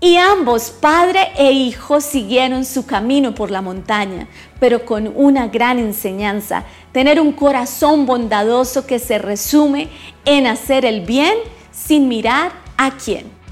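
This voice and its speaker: A woman narrating a moral fable in a deliberate storytelling manner. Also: high-pitched, soft background music.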